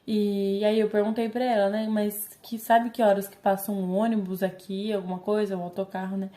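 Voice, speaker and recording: Casting: teen Brazilian vlogger girl, mellow and warm, lively storyteller who acts out quotes. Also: medium pitch, normal speed. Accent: Brazilian Portuguese. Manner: chatty, animated retelling with quoted dialogue. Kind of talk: casual storytelling to camera.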